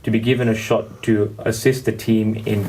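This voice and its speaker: A man talking as an interview guest in a relaxed, halting way, with many restarts and quick agreement. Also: on the low side, a little hiss or hum, rough recording. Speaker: guest, luxury car sales manager. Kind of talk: casual interview chat.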